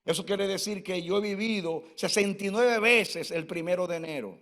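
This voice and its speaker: A man's voice: high-pitched, normal speed, fairly bright tone. A man in his sixties, a pastor giving a fervent sermon full of personal testimony in a church hall. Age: 60s. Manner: fervent, personal storytelling preaching. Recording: long church-hall reverb.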